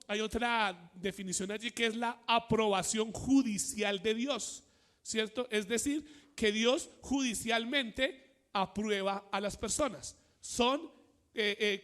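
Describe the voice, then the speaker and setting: A man preaching a sermon, repeating phrases, pausing on fillers and asking the congregation "cierto?". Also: high-pitched, a bit bright. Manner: many fillers, repeats phrases, asks the church questions.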